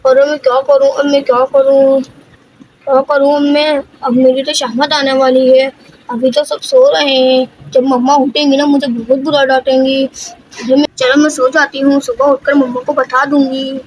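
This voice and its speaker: A woman's voice: high-pitched, little pitch movement, moderate pace, darkish tone, slight background noise, lightly acted, rough recording. A woman voicing a small clumsy girl who is easily scared and whiny. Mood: worried. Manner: whiny, pleading.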